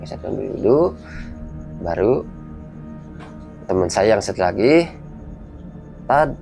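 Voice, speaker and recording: A man's voice: fairly low pitch, a little slow, gravelly, soft background music. A man telling a personal story in casual speech, acting out the dialogue as he goes. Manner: vivid, animated retelling with quoted dialogue.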